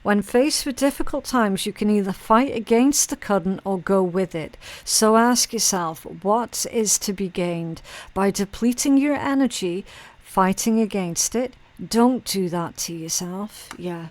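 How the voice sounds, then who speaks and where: A woman's voice: mid-range voice, a little slow, no room sound. Woman giving a blunt, dry-sounding tarot horoscope reading. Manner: blunt, colloquial and sweary, with frequent check-in tags like "okay?" and "right?". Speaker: tarot reader and channel host. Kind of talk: informal mystical horoscope tarot reading addressed to the viewer.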